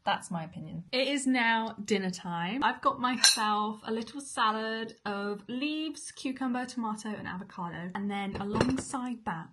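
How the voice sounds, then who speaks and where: A woman's voice: a little high, animated, normal speed, few pauses, sharp tone, a little hiss or hum. A young British woman taste-testing food for her vlog, chatting casually between bites and sometimes dropping to a half-whisper. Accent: British English. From Britain. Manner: chatty, eating while talking, drops to half-whispers. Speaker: food vlogger.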